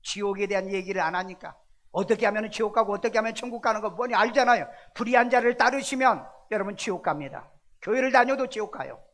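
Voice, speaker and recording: A man's voice: high-pitched, fast, a bit bright. A male pastor preaching a sermon in a church, emphatic and full of rhetorical questions. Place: church sanctuary.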